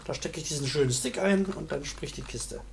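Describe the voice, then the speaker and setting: A man with a somewhat high-pitched voice talks through technical matters in a casual chat. He is colloquial and often ends a remark with a short questioning tag. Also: animated, fairly quick, vocal fry, slight background noise. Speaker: discussion participant demonstrating software.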